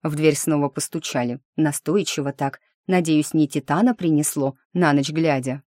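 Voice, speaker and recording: A woman's voice: low voice, steady tone, normal speed, a little mellow, no echo. A woman narrating a first-person audiobook in a dry, wry manner.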